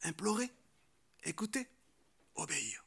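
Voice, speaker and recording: A man's voice: big pitch swings, measured pace, gravelly, fairly bright tone, slightly rough. A man preaching a sermon, earnest and exhortative, often tagging phrases with a questioning "hein" and lifting his voice to stress key points. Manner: earnest preaching, rises in pitch and volume for emphasis; frequent filler "hein".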